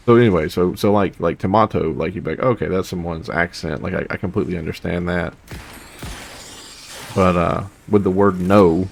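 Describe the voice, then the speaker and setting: A man's voice: deep voice, creaky. A young man casually chatting and rambling while playing a video game, humming to himself between thoughts. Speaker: gaming video host. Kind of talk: casual let's play commentary.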